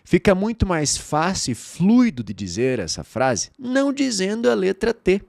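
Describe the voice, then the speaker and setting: A Brazilian man with Portuguese as his first language, teaching an online English lesson and drilling phrases slowly with repetition. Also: sits high, gravelly, dry recording, clean studio sound. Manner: lively, drills phrases slowly and repeats them.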